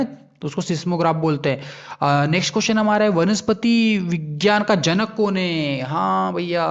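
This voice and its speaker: A young man with a fairly high voice talks through quiz answers in a loose, chatty tutoring style. He keeps checking in with his listeners and repeating himself. The recording sounds dull and lo-fi. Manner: chatty, repeats "ठीक है ना" and calls listeners "भैया". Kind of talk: casual exam-prep explanation.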